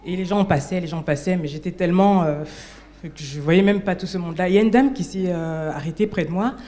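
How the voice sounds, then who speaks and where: Woman, church member sharing her testimony at a service; halting, self-correcting delivery. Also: lowish voice, warm tone. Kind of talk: personal testimony to a congregation.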